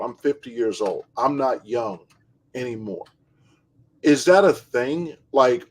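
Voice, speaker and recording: A man with a mid-range voice hosts a casual interview. He speaks in a measured, reflective way as he puts questions to his guest. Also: medium pitch, low-quality recording. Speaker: show host, basketball trainer.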